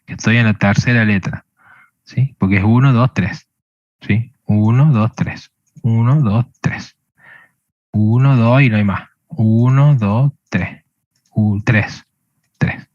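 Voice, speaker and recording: A man's voice: fairly low pitch, slow pace, pauses often, darkish tone, no room sound, muffled recording. A man teaching a programming lesson, explaining step by step and checking with a questioning "¿sí?" again and again. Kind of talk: screen-recorded coding lesson.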